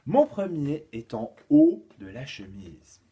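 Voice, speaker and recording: Slow, husky male teacher. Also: fairly high pitch, sing-song, dark tone. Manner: slow, clear, counts aloud and sings rhymes. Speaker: kindergarten teacher. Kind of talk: home-schooling lesson for young children.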